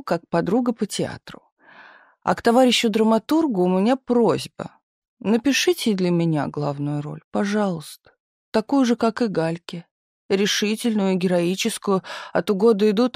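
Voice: medium pitch, lively intonation, normal speed, a little mellow, no room sound, studio quality, voice pushed up, lightly acted. A reader voicing a tipsy young woman activist who earnestly and plaintively begs for a leading role. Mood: pleading. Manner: insistent, plaintive.

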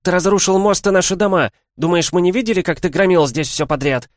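A man voicing an angry male refugee who shouts accusations from a crowd in an audiobook. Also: high-pitched, brisk, no echo, studio quality, pitched above the performer's own voice, lightly acted. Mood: furious. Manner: furious, accusing, yelling.

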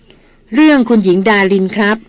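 Gruff veteran hunter, curt and commanding, read by a woman narrator, dry audiobook sound. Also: mid-range voice, animated, normal speed, no room sound, natural voice. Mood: stern. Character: stern grown man, a seasoned jungle hunter.

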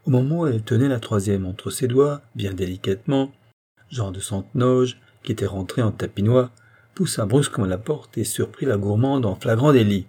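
Man reading a novel aloud, low dark voice, kinda husky, calm steady telling. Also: normal speed. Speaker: audiobook narrator. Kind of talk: literary audiobook narration.

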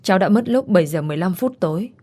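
A woman voicing a grave hospital doctor giving bad news in measured words. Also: lowish voice, animated, mellow, husky.

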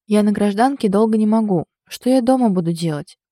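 A woman's voice: mid-range voice, lively intonation, a little fast, dark tone, dry recording, clean studio sound, voice pushed up, natural voice. A woman voicing a sly joking ex-soldier man. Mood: teasing. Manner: mocking, playful.

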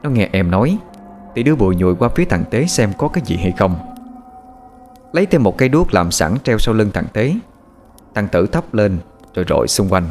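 A man narrates a scary tale in an expressive, suspenseful way. His voice sits low and moves up and down a lot. Soft music plays faintly beneath him. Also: fairly quick, pauses often. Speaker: storyteller. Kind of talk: scripted horror story narration.

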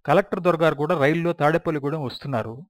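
Brief: man reading as a burly, deferential revenue officer, loud calls, slightly high voice, dry audiobook sound. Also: racing, no room sound, natural voice. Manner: calls out loudly and respectfully.

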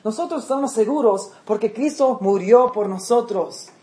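A man's voice: high-pitched, moderate pace, warm tone. A male pastor preaching a sermon in a conversational way, often checking in with his listeners and dropping in English words. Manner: conversational preaching with frequent check-ins to the congregation; mixes English words into Spanish.

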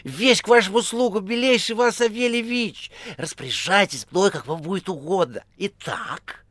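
Мужчина играет угодливого болтуна. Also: male voice, sits high, a bit bright, no room sound, pitched above the performer's own voice. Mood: gushing. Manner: gushing, rapid chatter. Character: fawning male chatterbox on the phone.

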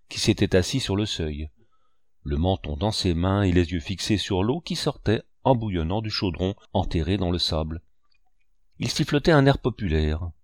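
A male audiobook narrator telling the story in a measured, expressive way. His voice sits low yet moves through a wide pitch range. The recording is dry and close, with no room sound. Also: no room sound.

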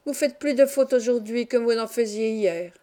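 A woman's voice: fairly high pitch, normal speed, mellow, close to an everyday voice. A woman reading the part of a sickly young boy in an audiobook, speaking in a plaintive, hesitant way.

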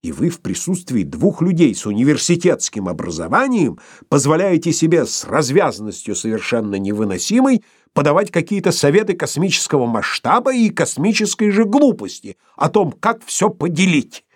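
A man's voice: medium pitch, sing-song, normal speed, a little mellow, husky, dry recording, studio quality, pitched above the performer's own voice. A man voicing an older male professor, imperious and irate, lecturing in a thundering way. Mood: furious.

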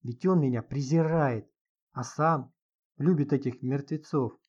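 A man's voice: mid-range voice, unhurried, darkish tone, natural voice. Casual: guy doing a bitter young woman, sneery, dull lo-fi sound. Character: young woman, resentful, bitter former model.

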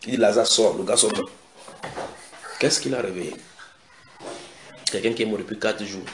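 A man preaching a sermon, retelling scripture dramatically with sudden shouted quotes and direct questions to his listeners. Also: on the low side, normal speed, a little hiss or hum. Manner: asks the audience direct questions. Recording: echoey room.

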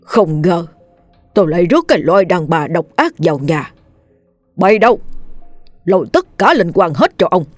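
A woman's voice: on the low side, sing-song, normal speed, long pauses, no room sound, faint music behind. A woman voicing a stern older male landowner who barks orders and questions in a ghost story reading. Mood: furious. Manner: commanding, barking orders.

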